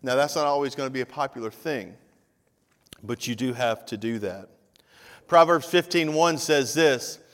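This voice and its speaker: A man's voice: mid-range voice, moderate pace, a bit bright. A man in his fifties, a pastor preaching a conversational sermon with frequent direct asides to the congregation. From Tennessee. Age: 50s. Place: church sanctuary. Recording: long reverb of a church hall.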